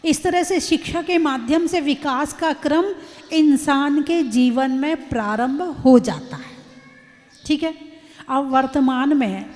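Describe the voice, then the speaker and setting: Female sermon voice, unhurried, emphatic delivery in a reverberant hall. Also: high-pitched, darkish tone. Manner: slow, emphatic, repeating phrases to the audience. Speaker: Jain nun preacher.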